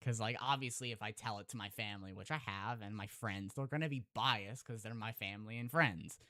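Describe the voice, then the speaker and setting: A Minecraft YouTuber with a fairly low voice, recorded in a dry studio, earnestly tells an emotional story before chatting casually with viewers. He slows and softens at the heartfelt moments, calls his audience "chat," and uses fillers and restarts.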